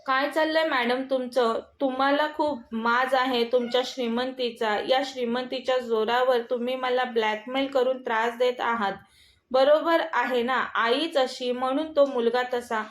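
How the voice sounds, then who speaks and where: A woman's voice: a little high, fairly even intonation, measured pace, roomy sound, lightly acted. A woman voicing a defiant young wife. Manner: angry, defiant. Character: defiant proud young wife, forced maid.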